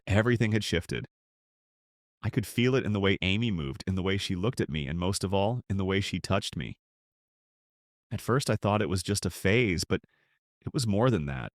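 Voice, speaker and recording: Middle-aged male narrator, low voice, dramatic first-person storytelling, dry close sound. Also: no room sound.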